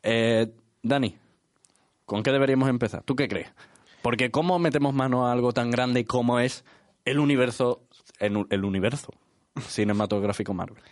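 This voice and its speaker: A man's voice: mid-range voice, a little fast, no room sound, studio quality. A young man hosting a casual radio show, bantering playfully with his co-host.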